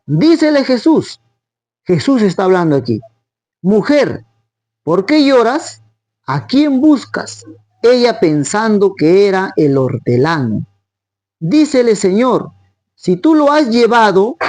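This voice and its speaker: A man preaching a Bible study sermon, taking the scripture apart verse by verse and asking his listeners questions before answering them himself. His pitch rises and falls with real animation, and the sound is close and dry with no room echo. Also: a little mellow.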